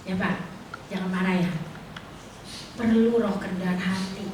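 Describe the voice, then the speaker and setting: A woman's voice: medium pitch, fairly even intonation, normal speed, distant mic, background noise. A middle-aged woman preaching an informal sermon at a prayer fellowship, chatty and colloquial, mixing in personal stories and questions to the congregation. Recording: echoey hall, voice picked up from afar.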